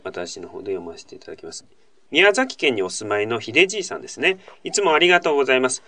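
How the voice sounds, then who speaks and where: A male host in relaxed conversation, with a voice that rises and falls freely. He explains at length in a chatty style, dropping in asides and tag questions, and sounds like a regular presenter answering mail. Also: medium pitch. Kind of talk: casual radio-style talk answering a listener letter.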